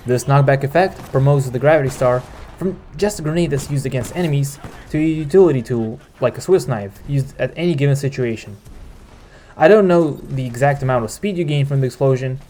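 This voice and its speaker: A man narrates a scripted gaming guide as its host. His voice sits at an average pitch for a man. The home recording carries faint noise behind him. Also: fairly quick, warm tone.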